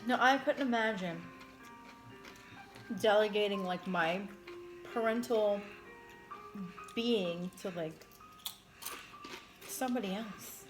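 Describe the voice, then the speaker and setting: A woman co-hosting a livestream, chatting casually and haltingly over a meal, sometimes repeating her phrases. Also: medium pitch, over music, rough recording. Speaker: co-host of a livestream mukbang.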